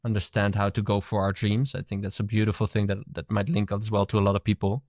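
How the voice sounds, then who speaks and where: A man's voice: lowish voice, monotone, fast talker, darkish tone, no room sound, clean studio sound. A man co-hosting a podcast in casual chat, thoughtful and musing as he talks. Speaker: podcast co-host.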